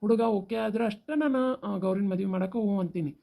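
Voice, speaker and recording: A woman's voice: mid-range voice, creaky, mellow, lightly acted. A woman voicing a worried, reasonable village father with a North Karnataka accent in a cartoon. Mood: placating. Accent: North Karnataka Kannada. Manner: placating, hurried.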